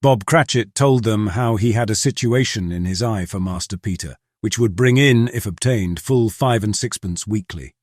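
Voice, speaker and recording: A man narrating a scripted story as an audiobook, in a measured storytelling manner. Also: lowish voice, no echo, studio quality.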